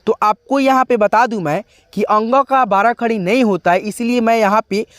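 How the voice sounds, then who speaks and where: High-voiced man teaching Hindi syllables. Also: a bit bright, dry recording. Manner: repetitive, checks in with "ठीक है" and "दोस्तों"; sounds out syllables slowly, drawn out. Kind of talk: YouTube lesson, explaining.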